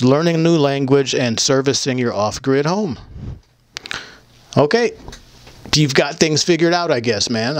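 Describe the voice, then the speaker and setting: A young man rambles through viewer comments in a casual, crude way, blunt and mocking, with plenty of profanity. His voice sits at an ordinary middle pitch. The sound is close and dry, picked up by a handheld mic in a small room. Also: dry recording. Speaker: vlogger answering viewer comments. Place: small indoor room with photo-covered wall. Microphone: handheld microphone held close.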